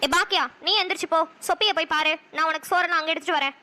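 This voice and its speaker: Woman voicing a brisk, chatty village mother. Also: extremely high pitch, steady tone, pushed and bright, no echo. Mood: scolding. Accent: Kanyakumari Tamil. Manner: brisk, chatty, quick retorts. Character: sharp-tongued but loving village mother.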